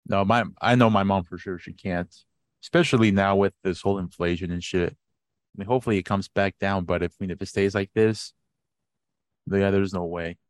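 Brisk and steady in a low voice, this late-twenties man co-hosts a podcast with no room sound. The talk is casual chat, and he rambles, curses freely and laughs a lot.

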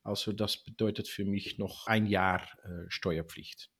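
A man in his sixties from the Netherlands speaking German with a Dutch accent, answering interview questions haltingly with many fillers. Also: fairly low pitch, steady tone, fairly bright tone, slightly rough. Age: 60s. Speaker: guest.

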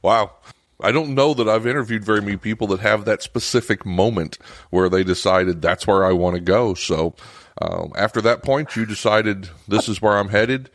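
A man hosting a podcast, reading a guest's bio and asking questions in a relaxed, conversational way. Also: fairly low pitch, moderate pace, no room sound. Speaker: podcast host. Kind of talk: casual interview.

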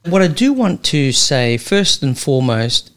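A man's voice: medium pitch, sing-song, a little slow, fairly bright tone, clean tone. A man co-hosting a podcast, chatting casually and wryly over a wine tasting, laughing often. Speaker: podcast co-host.

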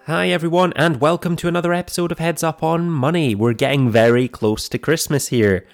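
A man with a croaky, froggy voice, hoarse from flu, presenting a podcast in a semi-scripted, explanatory way. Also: fairly high pitch, fairly quick, faint music behind. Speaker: podcast host. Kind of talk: scripted personal finance podcast narration.

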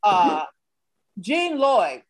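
A woman's voice: mid-range voice, big pitch swings, drawn-out words. A woman hosting a podcast who gives effusive introductions and interviews her guest. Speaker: podcast host.

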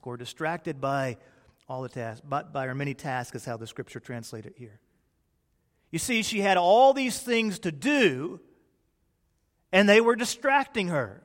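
A middle-aged man preaching a sermon as a pastor, with expressive delivery that swings from loud to hushed. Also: on the high side, long reverb tail.

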